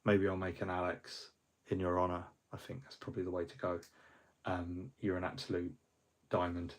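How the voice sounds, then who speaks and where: A middle-aged man hosting a hobby livestream rambles through a casual wrap-up full of ums and false starts. His husky voice sits a little low and sounds a bit fluey, monotone at a moderate pace.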